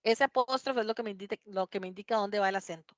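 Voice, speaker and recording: A woman teaching an English pronunciation lesson, explaining patiently step by step and slowly repeating words to model them. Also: medium pitch, dry recording, lo-fi sound. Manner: patient, explains step by step, asks "¿verdad?" often.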